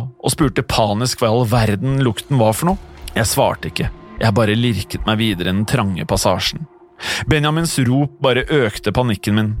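A man reading a first-person horror story aloud in a tense, hushed storytelling manner for a podcast. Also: mid-range voice.

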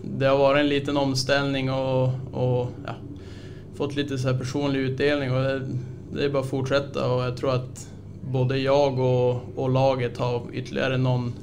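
Even-toned Swedish man in a casual interview. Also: mid-range voice, background noise. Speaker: ice hockey player being interviewed.

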